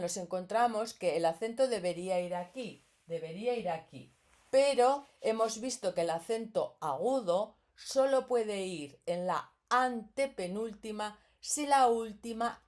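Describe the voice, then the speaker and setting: A woman's voice: on the high side, darkish tone. A woman teaching a grammar lesson, explaining patiently and often checking in with the listener.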